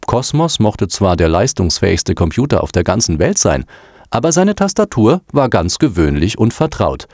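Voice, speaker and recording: Low-voiced, animated male storybook narrator. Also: moderate pace, no room sound, studio quality. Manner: expressive, animated reading. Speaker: audiobook narrator.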